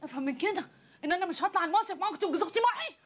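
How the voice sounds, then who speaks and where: An actress with an Egyptian accent playing a quick-tempered young wife with sharp, nagging retorts. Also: female voice, extremely high pitch, expressive. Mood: angry. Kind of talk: film comedy acting.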